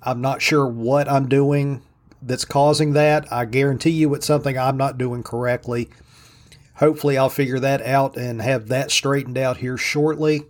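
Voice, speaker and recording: A man's voice: mid-range voice, fairly even intonation, normal speed. A man with an Appalachian-style Southern US drawl, hosting a casual solo podcast in a humble, self-deprecating way. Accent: Southern US hillbilly drawl, Appalachian-like.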